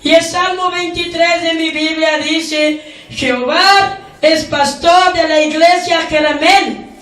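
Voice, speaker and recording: High-voiced woman preaching slowly. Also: fairly even intonation, a bit bright. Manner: slow emphatic preaching with call-and-response questions. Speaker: pastor. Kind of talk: sermon. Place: church hall. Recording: echoey church room from far off.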